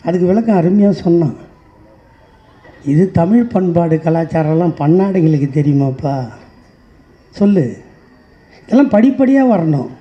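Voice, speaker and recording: A man giving a political stage speech, repeating sarcastic rhythmic refrains that rise into shouts. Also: a little high, animated, moderate pace, pauses often, muffled recording. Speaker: political party speaker.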